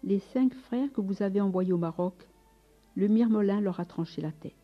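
Husky woman narrating a story. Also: mid-range voice. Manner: measured, expressive storytelling. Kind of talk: audiobook narration. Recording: dull lo-fi recording. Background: faint music.

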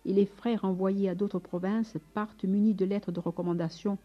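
A woman's voice: medium pitch, steady tone, normal speed, lightly acted. A woman reading an agitated young friar. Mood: pleading. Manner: urgent, pleading. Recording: dull lo-fi audiobook recording.

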